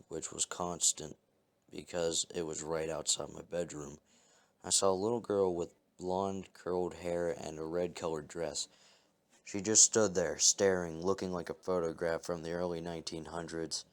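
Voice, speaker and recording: A man reading first-person scary stories aloud as a narrator, in a calm, measured way. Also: sits low. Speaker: story narrator. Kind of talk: scripted horror story reading.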